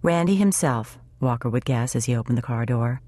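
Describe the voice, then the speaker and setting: A woman narrates a contemporary romance audiobook in an even, measured way. Her voice sits very low. The recording is close and dry, with no room sound. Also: no echo.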